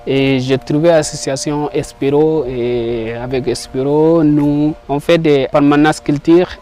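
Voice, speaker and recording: A man from Chad speaking simple, halting French in an interview. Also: fairly high pitch, fairly even intonation, mellow, slight background noise.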